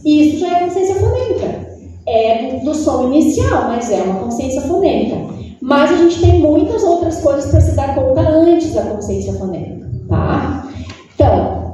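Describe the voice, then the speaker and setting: A high, mellow-toned woman lectures to teachers in a loose, conversational way, tagging her points with quick check-ins. She is heard from far off in a very echoey hall. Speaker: lecturer in a teacher training course.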